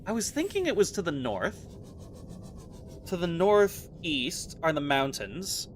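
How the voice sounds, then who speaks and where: A man's voice: a little high, big pitch swings, takes it slowly, slight background noise. A man giving casual gameplay commentary, chatty and self-mocking as he thinks aloud. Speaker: gaming video host.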